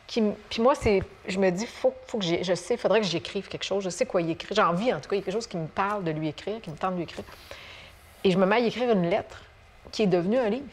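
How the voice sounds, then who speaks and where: A woman speaking with a Québécois accent tells personal stories as a talk show guest. She rambles warmly through fillers and false starts, eager and animated. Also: mid-range voice, quick pace. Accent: Québécois French. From Quebec. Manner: animated storyteller, many fillers and restarts. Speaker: guest author. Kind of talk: casual conversation on a talk show.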